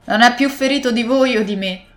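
Woman playing a brisk, stern country doctor. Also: on the high side, faint music behind, pitched above the performer's own voice, lightly acted. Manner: brisk and dismissive. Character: stern, dry-witted male country doctor.

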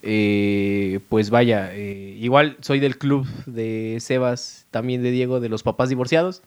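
A man's voice: mid-range voice, fairly even intonation, takes it slowly, darkish tone, smooth. A young man with a Mexican accent, a podcast co-host in casual chat, teasing his friends and hesitating with fillers.

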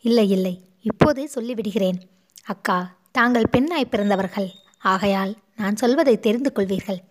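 A woman's voice: medium pitch, moderate pace, close to an everyday voice. A woman voicing a distraught young noblewoman who pleads and sobs with guilt, in a storybook reading. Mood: pleading. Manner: pleading, sobbing between words.

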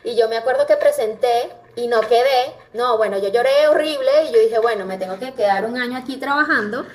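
A woman from Venezuela with a Venezuelan Spanish accent, telling her own story as a podcast guest in a lively way, acting out the voices she quotes. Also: a little high, a little fast. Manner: lively, acts out quoted voices, many fillers. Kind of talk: animated personal storytelling. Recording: roomy, distant mic.

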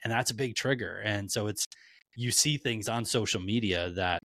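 Bright-voiced man hosting a podcast. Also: fairly low pitch, normal speed. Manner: candid and loose, swears freely. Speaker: podcast host. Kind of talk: casual podcast chat.

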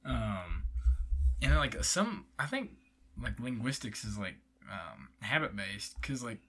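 A man's voice: fairly low pitch, sing-song, measured pace, bright, forceful tone. A young man in casual chat, rambling and swearing freely, with lots of filler words.

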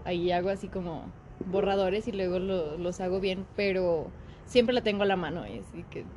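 A woman's voice: fairly low pitch, moderate pace, a little mellow, slight background noise. A woman with a Mexican accent, a guest who makes memes, talking casually and joking about herself. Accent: Mexican Spanish. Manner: casual, slangy, self-deprecating. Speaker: guest, meme illustrator. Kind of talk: casual interview chat.

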